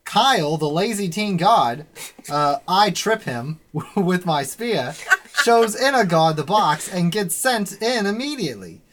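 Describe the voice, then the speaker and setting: A player casually reading a recap of the last tabletop session, in a brisk list-like way with joking asides. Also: medium pitch, slight background noise.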